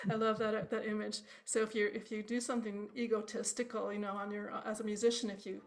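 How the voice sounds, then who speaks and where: A woman's voice: mid-range voice, flat delivery, fairly quick. A woman teaching a harp workshop over a video call, chatty and conversational, quizzing her class with little tag questions as she goes. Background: harp playing.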